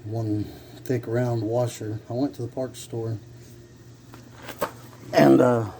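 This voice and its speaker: A man's voice: medium pitch, steady tone, slow, dark tone. A man talking casually and plainly, thinking aloud as he narrates a hands-on repair. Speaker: amateur car repair vlogger. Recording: clear background noise, vehicle ambience.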